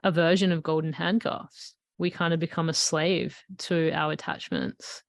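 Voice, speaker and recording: A woman's voice: deep voice, normal speed, no echo. A woman hosting a podcast, asking thoughtful, reflective questions with fillers like "you know". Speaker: podcast host. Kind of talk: interview questions.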